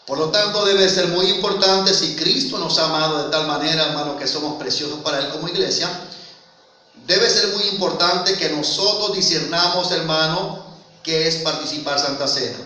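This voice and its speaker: A man's voice: a little high, normal speed, pushed and bright. A man with a Mexican accent preaching a sermon, emphatic and full of rhetorical questions, calling listeners "brother". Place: church hall. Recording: very echoey hall, voice from far off.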